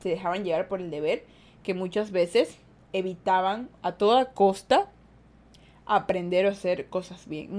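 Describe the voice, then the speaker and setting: A woman's voice: medium pitch, darkish tone. A woman podcast host in a casual storytelling monologue, retelling a tale with acted-out quotes.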